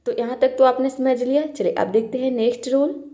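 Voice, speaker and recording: Fairly high-voiced woman teaching pronunciation. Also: fairly even intonation, fairly quick, warm tone. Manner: explains step by step and repeats each word with its meaning. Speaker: English teacher. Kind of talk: spoken pronunciation lesson.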